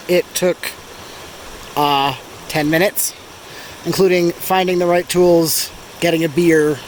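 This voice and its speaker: A man's voice: fairly high pitch, low-quality recording. A man giving a casual, laid-back trip update with dry humour, recorded outdoors beside a babbling creek. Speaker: travel vlogger. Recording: outdoor creek and breeze noise. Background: running stream water.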